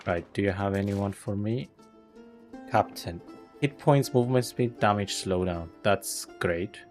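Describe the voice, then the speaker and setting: This is casual gameplay commentary from a low-voiced male gaming host, a native Greek speaker, with faint background music. He muses aloud at an easy, unhurried pace.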